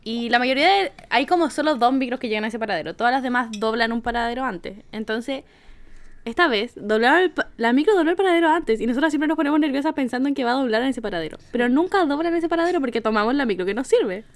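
Fast-talking, high-voiced Chilean woman. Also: animated. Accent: Chilean Spanish. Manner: brisk, detailed explaining. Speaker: podcast co-host. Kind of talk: casual chat.

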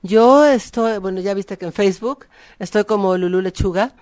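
A woman's voice: medium pitch, normal speed, a little mellow, dry recording, clean studio sound. A woman, a guest chatting casually on a web radio show, full of fillers and tag questions. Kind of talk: casual chat.

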